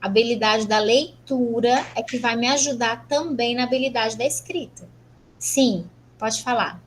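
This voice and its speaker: A Brazilian woman lecturer teaching an online class, brisk and teasing, asking rhetorical questions. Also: on the high side, slight background noise, rough recording. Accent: Brazilian Portuguese. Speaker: university lecturer.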